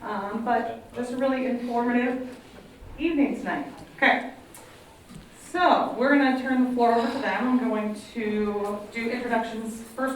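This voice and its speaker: In a very echoey college event room, a woman who runs a college counseling program greets the audience and introduces speakers from prepared bios, in a friendly, somewhat apologetic manner. Her voice is medium-pitched and far from the handheld mic, with a little hiss or hum.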